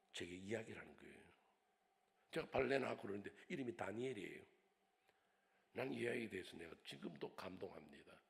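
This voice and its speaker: An older man preaching a revival sermon as a pastor, telling stories dramatically and swinging from hushed whispers to loud cries. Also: fairly low pitch, vocal fry. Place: church sanctuary. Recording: long hall reverb in a church.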